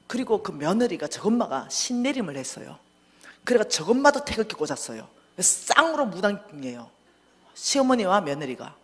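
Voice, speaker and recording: A middle-aged woman preaches with animated, dramatic storytelling. Her voice is husky and swings widely in pitch. It rings through an echoey church hall. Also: moderate pace. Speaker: church lecturer. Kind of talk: storytelling sermon.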